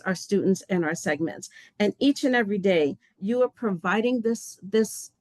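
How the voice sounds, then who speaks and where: A woman's voice: mid-range voice, dry recording. A woman giving heartfelt welcome remarks at a webinar as an agency official. She speaks earnestly and passionately, and often loses her place and restarts.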